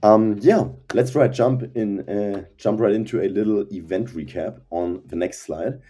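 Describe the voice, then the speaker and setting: Dark, husky-voiced tech presenter. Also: male voice, fairly low pitch, normal speed. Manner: enthusiastic, keeps saying super. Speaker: CTO and presenter. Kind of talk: livestream community update.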